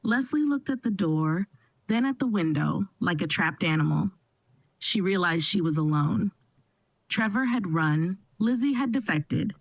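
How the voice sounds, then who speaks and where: A woman's voice: on the low side, animated, a little slow, dry recording, low-quality recording. Woman narrating a dramatic story. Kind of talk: scripted first-person story narration.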